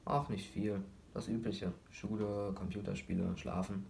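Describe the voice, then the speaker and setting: Audiobook: male narrator plays shrugging teen friend, laid-back, low-pitched. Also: level tone, measured pace, gravelly, darkish tone, a little hiss or hum. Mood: dismissive. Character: careless, easygoing teenage boy friend.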